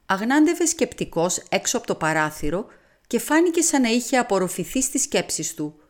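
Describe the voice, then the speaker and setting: A woman narrating an audiobook in a calm, even storytelling manner. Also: a little high. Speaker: audiobook reader. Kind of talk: scripted narration.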